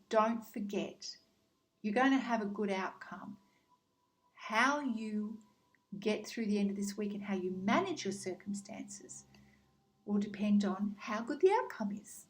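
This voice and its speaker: Gentle woman reading tarot cards. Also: mid-range voice, rough recording. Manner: gentle and reassuring, with frequent ums; addresses the listener directly by star sign. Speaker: tarot card reader. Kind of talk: casual spoken card reading.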